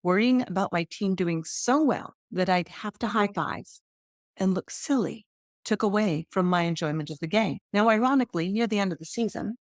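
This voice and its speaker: A woman's voice: moderate pace, no echo, clean studio sound. A woman hosting a podcast, telling personal stories in a chatty, self-deprecating way. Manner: chatty and self-deprecating, with lively pitch jumps. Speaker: podcast host. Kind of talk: personal storytelling monologue.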